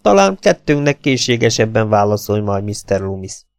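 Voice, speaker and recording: A man voicing a calm middle-aged private detective in an audiobook, speaking in a cool, measured way. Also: lowish voice, gravelly, no echo, clean studio sound. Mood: cold.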